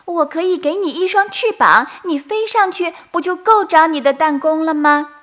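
A woman voicing a kind little female fairy who speaks gently and helpfully in a storybook tale. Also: extremely high pitch, expressive, moderate pace, voice pushed up. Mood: gentle.

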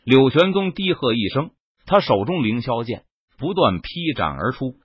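A man's voice: medium pitch, very animated, moderate pace, breathy edge, no room sound. A man narrating a fantasy novel aloud, with a dramatic, emphatic delivery of action scenes. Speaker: audiobook narrator. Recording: dull dry lo-fi recording.

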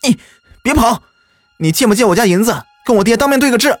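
A man voicing a blunt ten-year-old village boy in a storybook tale, with a high, pleading, insistent voice. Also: big pitch swings, fairly quick, no room sound, soft background music. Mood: urgent.

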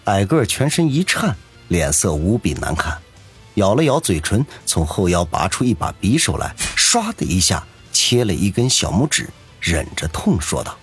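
A man narrating a serialized novel with expressive storytelling. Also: deep voice, moderate pace, slightly rough, soft background music. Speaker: audiobook narrator.

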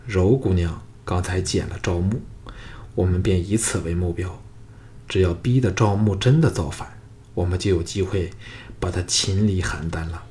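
A male audiobook reader voicing an earnest, steady young hero in close to his own lowish voice. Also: moderate pace, close to an everyday voice.

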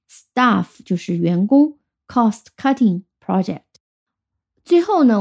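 Woman teaching English words, mellow voice. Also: medium pitch. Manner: explains clearly, spells out letters and sounds words out slowly. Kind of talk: recorded vocabulary lesson.

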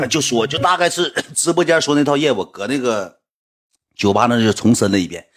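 Husky Northeastern Chinese man telling a story. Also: normal speed. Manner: animated, mocking, jumps into high-pitched rants. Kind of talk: casual anecdote storytelling.

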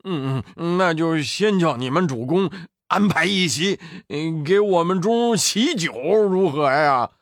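A man's voice: a little high, expressive, takes it slowly, hardly any pauses, a bit bright, dry recording, heavily acted. A man voicing a greedy, lazy male pig disciple who chuckles and drawls. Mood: sly.

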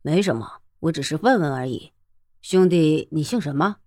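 A calm middle-aged swordsman, acted by a woman, speaks lower and softer, coolly mocking. He sounds unhurried and sure of himself in a storybook tale, dry and close. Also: dry recording. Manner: cool, quietly mocking.

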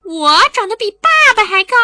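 A woman's voice: high-pitched, expressive, slow pace, bright, forceful tone, dry recording, studio quality, pitched above the performer's own voice, exaggerated voice. A woman doing a pouty little child. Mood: excited. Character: stubborn little child Maomao, pouty and gullible.

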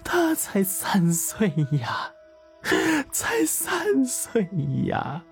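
A woman's voice: animated, unhurried, soft background music. A woman voicing a wailing old noblewoman. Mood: sobbing. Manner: wailing, high-strung pleading. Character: grieving elderly noblewoman, shrill and tearful. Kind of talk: audio drama acting.

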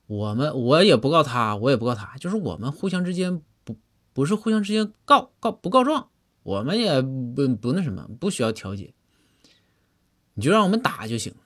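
A man's voice: medium pitch, very animated, brisk, a bit bright. A man voicing a talkative woman who rambles on to justify a street brawl. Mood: pleading.

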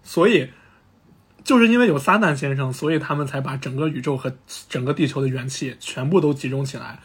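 Husky man retelling a story casually. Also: mid-range voice. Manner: animated retelling with quick asides and laughter. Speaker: podcast host.

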